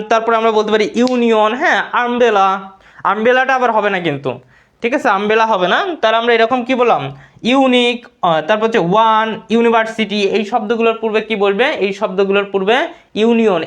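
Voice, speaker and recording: A man's voice: high-pitched, fairly even intonation, brisk. A man with a Bangladeshi Bengali accent teaching English grammar in a live online class, repeating words and answering his own questions.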